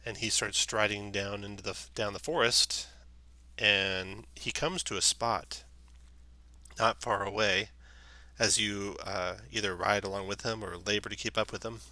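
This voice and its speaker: A man's voice: fairly low pitch, flat delivery, measured pace, pushed and bright, no echo. A man acting as game master, narrating and refereeing a tabletop game.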